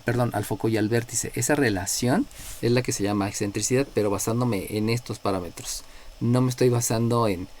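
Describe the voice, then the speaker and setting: Lecturing a live math class, a Mexican-accented male teacher works through each step, calls on students by number, and keeps checking in with "¿no?". He has a lowish, slightly mellow voice, and there is a little hiss or hum.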